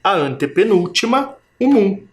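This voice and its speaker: A man's voice: sits high, big pitch swings, a little slow. A man with a Brazilian accent, a primary school teacher giving a recorded video lesson for children. He stretches and stresses syllables and keeps asking his pupils questions.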